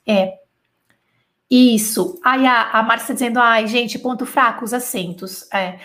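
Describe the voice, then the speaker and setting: High-voiced woman teaching French live. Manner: encouraging, chatty, reads viewer comments aloud. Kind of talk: live online lesson.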